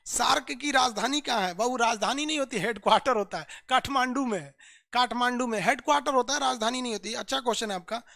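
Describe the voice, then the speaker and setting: A man teaching geography in an online class, lively and teasing, calling his students "babu". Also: extremely high pitch, quick pace, gravelly.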